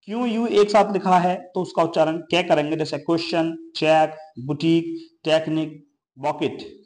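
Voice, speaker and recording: A man's voice: fairly high pitch, steady tone, measured pace, darkish tone. A man teaching an English pronunciation lesson, explaining each rule and then listing example words one by one.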